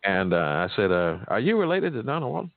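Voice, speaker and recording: A pastor and church musician hosts a casual interview, joking and teasing his guest. His voice is fairly low with wide pitch swings, and he talks fast. The recording is dry, dull and narrow, like a phone line.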